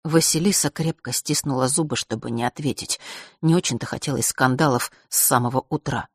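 A narrator reading a children's fantasy story aloud in a lively, expressive way. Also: mid-range voice, fairly quick, husky, no room sound, studio quality. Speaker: audiobook narrator.

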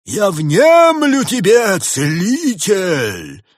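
A man's voice: mid-range voice, animated, fairly quick, a little mellow, husky, dry recording, studio quality, voice pushed up. A man voicing a stern, commanding male spirit of winter in a read-aloud fairy tale, declaiming indignantly. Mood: solemn.

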